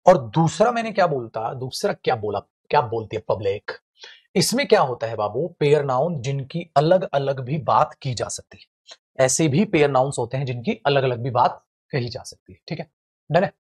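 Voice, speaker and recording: A man teaching English grammar in a lively, joking classroom lecture, calling his students friends and brothers. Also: mid-range voice, moderate pace, slightly rough.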